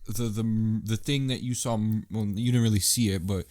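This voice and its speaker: A man's voice: on the low side, steady tone, moderate pace, darkish tone. A man co-hosting a horror film podcast, teasing his partner with joking banter. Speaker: podcast co-host. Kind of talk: casual horror film review chat.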